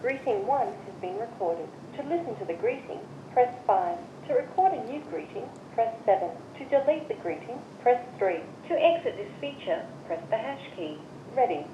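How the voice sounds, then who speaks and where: A woman's recorded voice reading voicemail system menu prompts in measured, evenly spaced instructions, heard through a phone speaker. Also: a little high, expressive, warm tone. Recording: muffled, echoey phone speaker with hiss.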